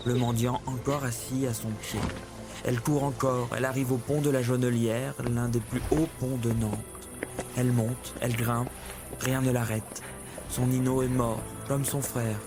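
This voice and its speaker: A man tells a dramatic fairy tale in careful, scripted narration. His voice sits in a middle register, unhurried and theatrical. A clear music bed runs under every line. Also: medium pitch. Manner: measured, dramatic storytelling.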